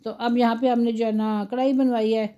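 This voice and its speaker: Chatty middle-aged woman vlogger, mellow. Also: a little high, level tone, clean tone, dull audio. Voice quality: chatty, rambling storyteller. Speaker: home-cooking vlogger. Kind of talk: casual vlog chat over footage.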